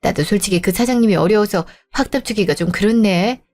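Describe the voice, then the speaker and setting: A woman's voice: medium pitch, fairly quick, a little mellow, natural voice. A woman voicing a helpful, cautious middle-aged friend who talks in a chatty, reassuring way, with faint music behind. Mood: friendly.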